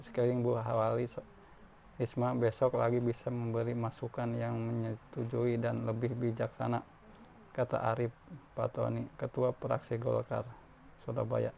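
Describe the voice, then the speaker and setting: Gravelly man reading news, stumbling often. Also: mid-range voice, dark tone. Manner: stumbling, frequent restarts on words. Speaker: news reader. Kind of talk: reading news articles aloud. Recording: faint background noise.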